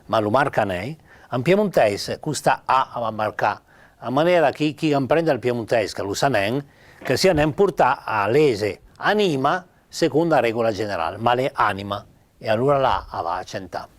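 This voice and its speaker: An older man with a Piedmontese accent giving an informal spoken lesson on spelling, halting with many pauses and fillers. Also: mid-range voice, lively intonation. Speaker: writer teaching Piedmontese spelling.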